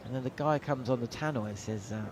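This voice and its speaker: Chatty middle-aged cricket commentator. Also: male voice, mid-range voice, fast talker, noisy background. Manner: chatty, anecdotal, frequent uh fillers. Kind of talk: ball-by-ball radio commentary. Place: commentary box at a cricket ground.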